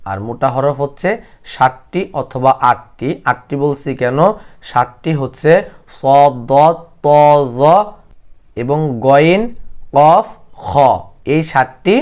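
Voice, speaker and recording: Smooth, clear-voiced male recitation teacher. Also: mid-range voice. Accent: Bangladeshi Bengali. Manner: explains rules plainly, then recites verses slowly and drawn out. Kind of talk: tajweed lesson, alternating explanation and slow recitation.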